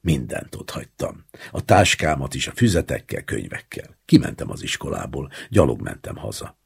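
Man reading a literary story, first person, really low husky gravelly voice. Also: sing-song. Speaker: audiobook narrator. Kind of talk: literary audiobook narration.

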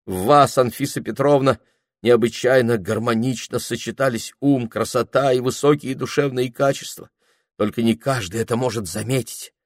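A gloomy, down-at-heel man in a spoken storybook speaks in a hollow, dull voice, as a man puts him on. The tone stays low and close, recorded dry. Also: moderate pace, dry recording, close to an everyday voice. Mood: pleading.

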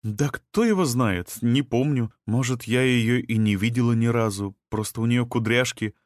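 A man voicing a shrill, defensive young woman. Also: moderate pace, no room sound, studio quality, natural voice. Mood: scornful. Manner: shrill and indignant.

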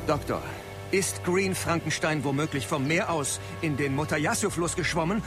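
A man's voice: a little high, moderate pace, lightly acted. A man playing a dramatic live radio reporter commenting on a monster battle in a German audio drama. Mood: tense reporting. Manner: dramatic, breathless, swinging from hushed to shouting. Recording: loud music bed behind voice.

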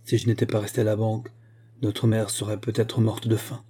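An anxious old clerk with a trembling, pleading manner, as a male reader puts him on. The voice sits low and dark with a husky grain, lifted a little above the reader's own. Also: level tone, fairly quick.

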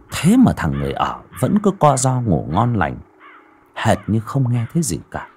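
A man narrating a scripted horror story with a dramatic, breathy delivery. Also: lowish voice, darkish tone. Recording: faint background music.

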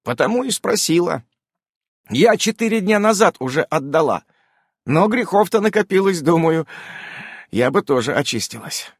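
A man reading an audiobook, voicing a brisk, sharp-tongued adult witch who scolds and insists. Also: on the high side, sing-song, slightly rough, dry recording, clean studio sound, pitched above the performer's own voice, exaggerated voice. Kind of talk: audiobook character voice.

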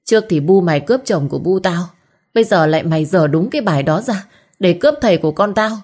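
A woman voicing a furious, jealous young village woman who spits out fast accusations in a storybook reading. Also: lowish voice, expressive, a little mellow.

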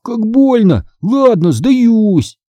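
A man's voice: sits high, very animated, moderate pace, dark tone, husky, no room sound, dull audio, voice pushed up, exaggerated voice. A man voicing a timid little boy who sulks and grumbles sheepishly. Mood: cheeky.

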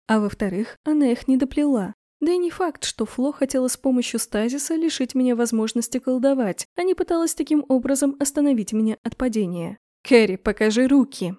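Young woman reading a fantasy book, high voice but mellow, dry close sound. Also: lively intonation, fairly quick, hardly any pauses, no echo. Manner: wry, sarcastic asides. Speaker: audiobook narrator. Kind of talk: first-person audiobook narration.

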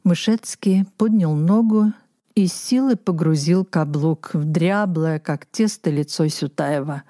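Slow, low-voiced woman reading aloud. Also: warm tone, no room sound, clean studio sound. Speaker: audiobook narrator. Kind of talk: scripted literary narration.

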